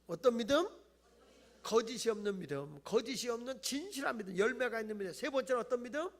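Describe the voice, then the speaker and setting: A middle-aged male pastor giving an animated Friday night sermon in a church, acting out whiny voices and shouting. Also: very high voice, quick pace. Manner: animated, acts out voices of people he tells about, mock-whines and shouts. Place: church sanctuary.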